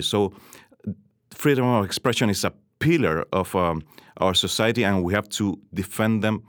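A man's voice: lowish voice, no room sound, clean studio sound. A man from Chile in his forties, a guest on a podcast interview, talking earnestly with many fillers and restarts.

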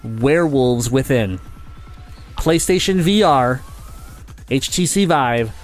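A man's voice: mid-range voice, lively intonation, slow pace, soft background music. A man hosting a casual video game podcast, often stopping and restarting his phrases. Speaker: podcast host.

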